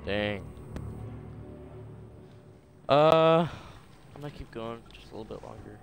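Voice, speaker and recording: A man's voice: on the low side, fast talker, vocal fry, music in the background. A man doing casual live gameplay commentary as a streamer. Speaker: game streamer.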